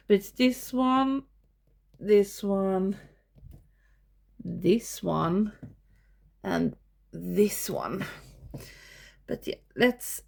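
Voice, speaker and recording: A woman's voice: mid-range voice, vocal fry. A woman from Sweden with a Swedish accent, chatting casually in English as she shows off her shelves of movies at home, laughing often between remarks. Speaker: movie collector showing her collection. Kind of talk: casual show-and-tell vlog.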